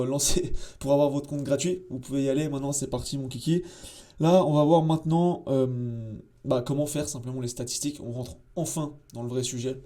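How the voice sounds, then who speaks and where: Man tutorial host, mellow dark tone, relaxed slangy delivery at a desk mic. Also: medium pitch. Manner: casual, chatty, slangy, with many fillers and asides. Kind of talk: casual screen-share tutorial.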